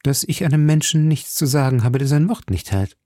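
A man's voice: medium pitch, expressive, fairly quick, dark tone, no room sound, studio quality, pitched above the performer's own voice, close to an everyday voice. A man reading an audiobook and voicing a cunning, seductive female prisoner with theatrical pleading. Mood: scornful. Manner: pleading, theatrical, sometimes scornful.

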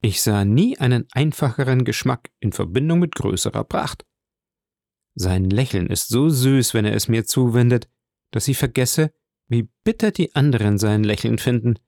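A man's voice: medium pitch, moderate pace, vocal fry, darkish tone, no echo, studio quality, natural voice. A man voicing an earnest, devoted young man in love, speaking in a reflective, sincere way in an audiobook.

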